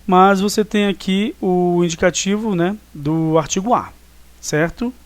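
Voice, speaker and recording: Here a Brazilian Portuguese-accented man with a high voice speaks a little slowly, and there's no room sound. He's teaching a recorded online review class, explaining as he goes and regularly checking in with "né?" and "tá?".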